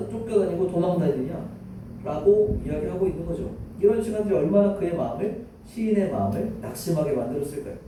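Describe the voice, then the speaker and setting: A man's voice: high-pitched, mellow, a little hiss or hum. Echoey, distant-sounding preaching man. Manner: earnest, addresses the congregation often. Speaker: missionary preacher. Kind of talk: sermon. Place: church hall. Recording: echoey church sound from far off.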